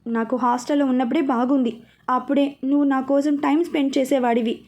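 A woman's voice: high-pitched, fairly even intonation, fast, mellow, highs cut off. A woman voicing a playful young woman who sulks and pleads when scolded. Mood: sulky. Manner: sulky, pleading.

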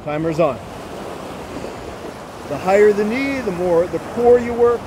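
An animated, high-pitched male fitness coach leads a beach workout, calling out brisk, short commands, encouragement and counts in aerobics-instructor style. He's outdoors on an open sandy beach by the water, and the recording is noisy with surf and wind.

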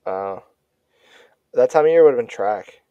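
A man's voice: mid-range voice, animated, unhurried, warm tone, no room sound, muffled recording. A young man hosting a podcast, chatting casually and slangily with his friends. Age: young adult. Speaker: podcast host. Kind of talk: casual chat among friends.

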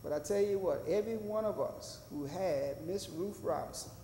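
Older pastor preaching in an echoey church. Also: male voice, high voice, normal speed, dark tone, a little hiss or hum. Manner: rising to fervent emphasis, drawing answers from the congregation. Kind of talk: sermon with call and response. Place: small church sanctuary.

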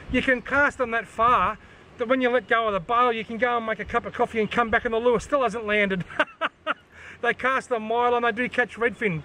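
A very high, pushed and bright voice belongs to this Australian fishing channel host in his forties, talking casually outdoors at the edge of a forest. Filmed by a tripod camera at chest height, he keeps it practical and chatty, repeating the main points for viewers.

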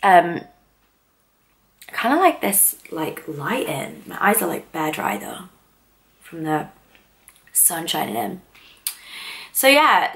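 A northern English woman in her twenties rambles casually to camera in a vlog, packing her talk with fillers. Her voice is lowish with a fairly bright tone.

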